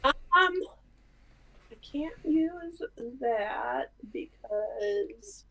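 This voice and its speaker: A woman plays a tabletop game, talking casually. Her voice is fairly high and her pace is slow. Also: lively intonation, vocal fry, bright, forceful tone, poor audio. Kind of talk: casual chat.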